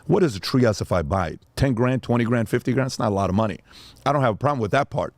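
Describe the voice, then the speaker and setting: A man's voice: mid-range voice, quick pace, dry recording. A middle-aged man hosting a show, telling stories in a casual, emphatic way with lots of repetition. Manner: emphatic, animated retelling with repetition. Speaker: podcast host. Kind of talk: casual storytelling talk.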